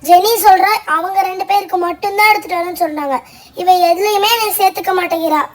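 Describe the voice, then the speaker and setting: A woman's voice: very high-pitched, steady tone, fast talker. A woman voicing a left-out little girl in a doll-play story, whiny and hurt.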